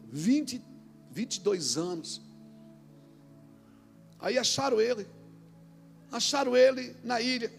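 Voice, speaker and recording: A Brazilian man preaching as a pastor, swinging between shouted exhortation and quiet, acted-out storytelling. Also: extremely high pitch, vocal fry. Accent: Brazilian Portuguese. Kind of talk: sermon.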